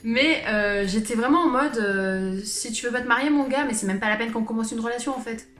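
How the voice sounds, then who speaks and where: A woman's voice: a little high, a little fast, a bit bright. Self-mocking young woman in an echoey room. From born in Switzerland, Portuguese family. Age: late 20s. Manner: colloquial, self-mocking, rambling with sighs and laughs. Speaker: vlogger, channel host. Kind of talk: casual confessional chat to camera. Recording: roomy echo with music underneath.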